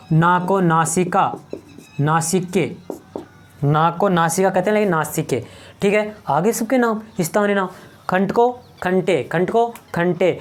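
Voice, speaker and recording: A man from Rajasthan leads a board lesson, quizzing his students and then answering his own questions. He repeats each term several times and stretches out the words as he drills them. His voice sits fairly high for a man. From Rajasthan, India. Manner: asks the class questions and answers them himself, repeating key terms; slow, drawn-out drilling of words. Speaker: teacher. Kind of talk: exam-prep grammar lesson at a board.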